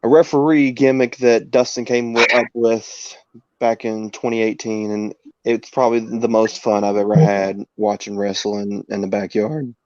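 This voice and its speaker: A man's voice: lowish voice, level tone, normal speed, a little mellow, no room sound, dull audio. A man in his twenties hosting a casual chat, telling anecdotes and laughing through them. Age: 20s. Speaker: podcast host.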